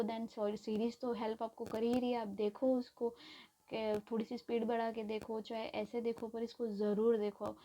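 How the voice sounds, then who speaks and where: A woman's voice: fairly high pitch, dark tone, a little hiss or hum, poor audio. A young woman chemistry teacher explaining an exam study plan in casual, encouraging talk, often checking in with "okay". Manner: casual, encouraging, repeats "theek hai" often.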